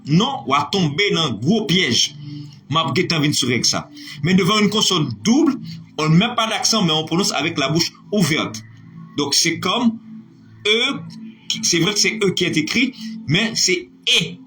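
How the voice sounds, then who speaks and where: A man's voice: high voice, big pitch swings, unhurried, sharp tone, soft background music. A man teaching a live online French lesson, spelling words out letter by letter, praising his students by name.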